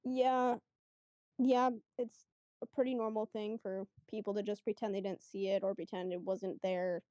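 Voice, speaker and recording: A woman's voice: medium pitch, flat delivery, normal speed, mellow, no room sound. A woman telling a podcast interviewer a personal story in a casual, chatty way, acting out what people said. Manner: chatty, lots of fillers, acts out quotes. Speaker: guest.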